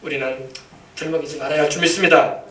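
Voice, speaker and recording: Preaching a sermon in a church sanctuary, this pastor speaks in a steady, fairly bright voice on the high side, moving at a quick pace. He is emphatic and repetitive, and the congregation answers him. The recording is echoey, with the mic placed far away.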